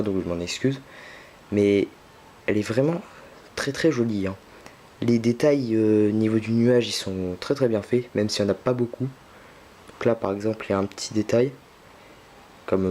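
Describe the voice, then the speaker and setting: Young male vlogger, lowish voice, casual and halting, home camera recording with faint noise. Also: a little mellow. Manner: hesitant, many fillers and restarts. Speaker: unboxing vlogger. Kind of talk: casual unboxing commentary.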